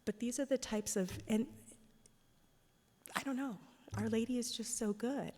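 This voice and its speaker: A woman's voice: fairly high pitch, measured pace, dark tone, slight background noise. A woman speaking at a parish event, telling stories in a chatty way full of "like" and "um". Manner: chatty, with many "like" and "um" fillers. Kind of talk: casual storytelling talk. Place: church. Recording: long reverb of a large hall.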